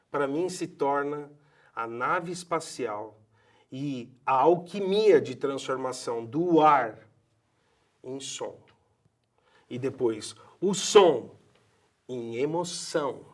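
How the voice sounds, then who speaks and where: Emphatic Brazilian man in his fifties. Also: on the high side. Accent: Brazilian Portuguese. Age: 50s. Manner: expressive, emphatic, animated. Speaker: voice doctor. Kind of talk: passionate promotional talk.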